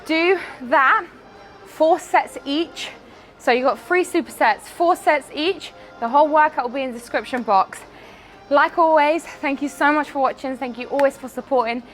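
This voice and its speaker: A woman's voice: sits high, fairly quick, a bit bright, faint music behind. A woman fitness coach explaining a gym workout in a casual, upbeat way, out of breath, sometimes swearing. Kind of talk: workout vlog instruction.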